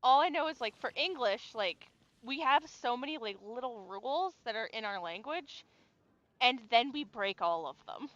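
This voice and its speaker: A woman in her twenties chatting casually on a gaming stream, talkative and quick to laugh, filling her talk with "like". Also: fairly high pitch, animated, a bit bright, no room sound, highs cut off. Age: 20s. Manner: chatty, laughs easily, lots of "like".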